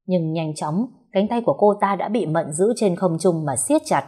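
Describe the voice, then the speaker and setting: A woman's voice: on the low side, expressive, moderate pace, warm tone, slightly rough. A woman narrating a dramatic story in a scripted way.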